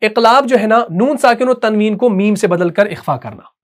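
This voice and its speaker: The speaker is a man leading a Quran recitation class, dictating the lesson in a high-pitched voice. Patient and repetitive, he eases his pace for terminology and repeatedly asks his students whether it's clear.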